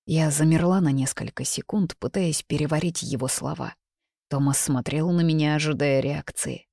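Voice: medium pitch, steady tone, normal speed, creaky, a little mellow, no room sound, studio quality. An audiobook narrator telling a romance novel in the first person, in an intimate, emotional way.

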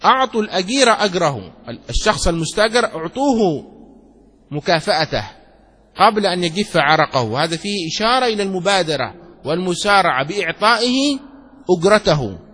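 A man's voice: high-pitched, big pitch swings, a little fast, sharp tone, slightly rough, big-room sound. A male Islamic scholar teaching a religious law text. He reads passages aloud, explains them with examples and keeps asking if his listeners follow. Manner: explains with examples and checks understanding.

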